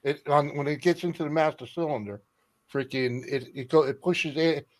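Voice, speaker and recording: A man's voice: a little high, normal speed, no echo. A man hosting a casual livestream, rambling along and swearing freely in a dry-sounding space.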